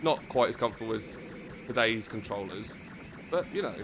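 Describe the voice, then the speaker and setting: Excitable low-voiced streamer. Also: male voice, fairly quick, background noise. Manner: excitable, rambling, swears casually. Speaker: game streamer. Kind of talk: casual livestream commentary while playing. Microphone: close desk mic. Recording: game music playing behind.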